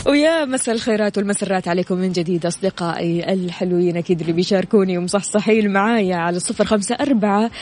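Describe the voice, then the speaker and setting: Fast-talking woman hosting upbeat radio. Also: medium pitch, over music. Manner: chatty, addresses listeners warmly with rhyming greetings. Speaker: radio show host.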